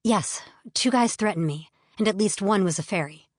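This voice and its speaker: A woman's voice: mid-range voice, moderate pace, no echo, clean studio sound, natural voice. A woman voicing a snappish young heroine. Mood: matter-of-fact. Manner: snappish, defensive replies. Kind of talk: audiobook character voice.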